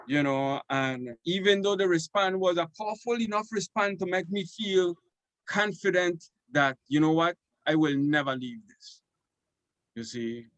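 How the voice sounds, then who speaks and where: A man's voice: sits high, measured pace, fairly bright tone, dry recording, rough recording. A man speaks in Rasta style. His phrasing is devotional and respectful, and the sound is close and dry. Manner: devotional Rasta phrasing, addressing listener as "my lord". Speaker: interview guest. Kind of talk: conversational storytelling and letter reading in Rastafarian speech.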